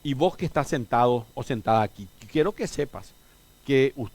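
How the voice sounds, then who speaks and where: A middle-aged man with a Paraguayan Spanish accent preaching a sermon as pastor, swinging from emphatic rises to soft, low asides. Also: lively intonation, normal speed, dry recording.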